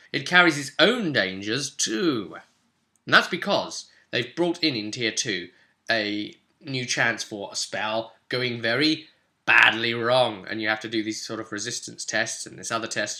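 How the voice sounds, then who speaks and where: Lowish and sharp in tone, a man presents a tabletop game guide, explaining informally in a talkative way and dropping in rhetorical questions along the way.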